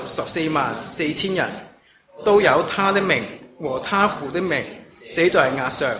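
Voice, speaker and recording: A man with a fairly high voice leads a sermon and reads scripture aloud at a steady, measured pace. When he leaves the text he stumbles over fillers. The recording sounds dull and lo-fi, with a congregation clearly audible behind him. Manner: measured reading of scripture, halting fillers when speaking freely. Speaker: preacher. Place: church service, also streamed online.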